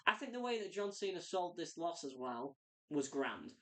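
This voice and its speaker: A woman giving a casual, excitable review of a wrestling event, rambling with lots of "like" fillers. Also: fairly low pitch, moderate pace.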